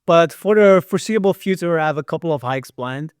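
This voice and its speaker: A man's voice: on the high side, brisk, clean tone, no echo, clean studio sound. A man from the Netherlands with a Dutch accent tinged with American, telling stories as a guest in casual talk, with many fillers and repeated words. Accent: Dutch, partly American. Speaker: guest filmmaker and hiker. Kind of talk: casual interview storytelling.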